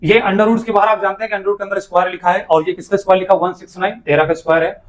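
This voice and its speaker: Male tutor, high-pitched, patient step-by-step exam-prep maths explainer. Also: flat delivery, racing. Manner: patient, talks students through each step with questions; calls students "beta". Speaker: maths teacher.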